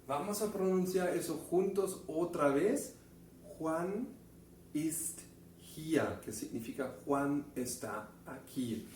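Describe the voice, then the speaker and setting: Slow-speaking man teaching German. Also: a little high, darkish tone, far from the mic, a little hiss or hum. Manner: slow, deliberate enunciation of example phrases. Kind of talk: classroom lesson, drilling phrases aloud. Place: classroom with a whiteboard. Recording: echoey room, voice off-mic.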